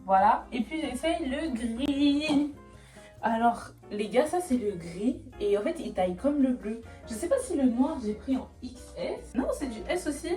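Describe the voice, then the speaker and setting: A woman's voice: mid-range voice, dark tone. A young woman from Belgium in casual vlog chat, talking straight to her viewers. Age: young adult. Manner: chatty, talks straight to viewers. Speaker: vlogger.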